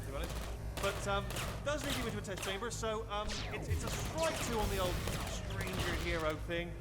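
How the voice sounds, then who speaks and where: A chatty, flustered little game robot with a high, swooping voice. He stammers and rambles like a nervous helper, always correcting himself. Loud game music plays behind him. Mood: apologetic. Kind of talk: video game character acting.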